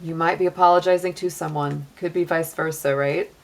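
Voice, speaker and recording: A middle-aged woman with a low, gravelly voice gives a relaxed tarot reading, speaking a little fast in a steady tone. She's chatty, often laughing and filling her speech with "you know" and "like".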